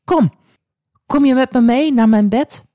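A woman's voice: sits high, measured pace, warm tone, no room sound, clean studio sound, voice pushed up. Woman putting on a pushy, scheming married woman. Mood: coaxing. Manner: coaxing and insistent.

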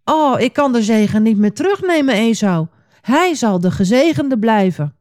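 A woman's voice: fairly high pitch, very animated, moderate pace, darkish tone, voice pushed up. A woman voicing an old father who trembles with shock and regret in a storybook reading. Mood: grave. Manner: trembling, startled.

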